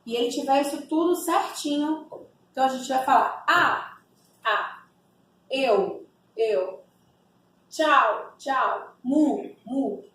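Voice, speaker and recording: A woman's voice: high voice, slow, a bit bright. A woman training a group, explaining step by step with frequent tag questions and sounding out example words herself. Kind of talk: teaching a training session. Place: echoey room. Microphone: distant mic. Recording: echoey room, distant mic, faint noise.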